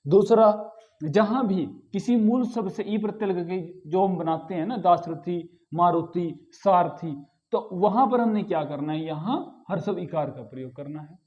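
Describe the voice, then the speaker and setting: A man's voice: sits high, moderate pace. Patient man teaching grammar, dull recording. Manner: patient, repeats key words and asks rhetorical questions. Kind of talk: explanatory lesson.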